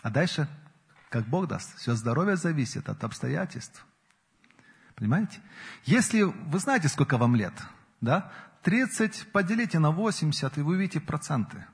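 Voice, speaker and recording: Husky man preaching in a hall. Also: fairly high pitch, big pitch swings, normal speed. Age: 40s. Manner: earnest, rises and falls in emphasis. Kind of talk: sermon. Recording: long hall reverb.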